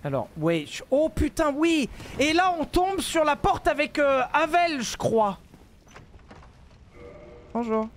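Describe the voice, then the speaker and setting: A man commentating his own video game live, joking, swearing and talking to his chat in an excitable way. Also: very high voice, slow pace, long pauses. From France. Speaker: streamer playing a video game.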